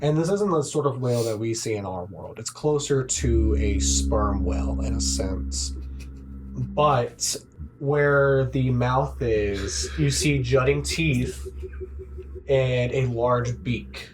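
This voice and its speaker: A man acting as game master, narrating a tabletop game in a measured, descriptive way. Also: mid-range voice, noisy background.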